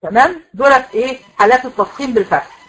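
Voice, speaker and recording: A woman's voice: a little high, very fast, fairly bright tone, husky, poor audio. Egyptian woman teaching a recitation class. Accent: Egyptian Arabic. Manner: explains step by step, asks the class questions and answers them herself. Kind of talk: classroom lecture.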